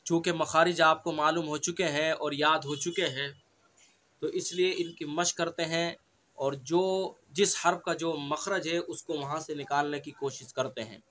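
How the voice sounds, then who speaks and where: A man's voice: fairly high pitch, fairly even intonation, normal speed, sharp tone. A man with a Delhi Urdu accent teaching Quran recitation, patiently repeating each letter sound several times. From India. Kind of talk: slow tajweed lesson, drilling letter sounds.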